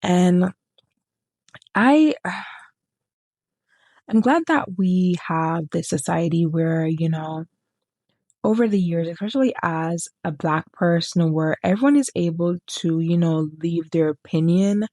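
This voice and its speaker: A woman's voice: fairly low pitch, slow, long pauses, warm tone, no room sound, studio quality. A woman book reviewer chatting casually to camera, rambling, getting sidetracked and correcting herself as she goes.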